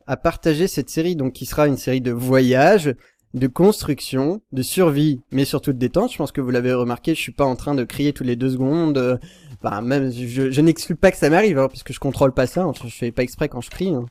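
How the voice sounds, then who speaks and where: A young man commentates his own gameplay at a desktop mic. His voice sits in an ordinary middle register, and his talk is loose and rambling, full of self-corrections and quick yelps of panic. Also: medium pitch, darkish tone, no room sound. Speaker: Minecraft YouTuber.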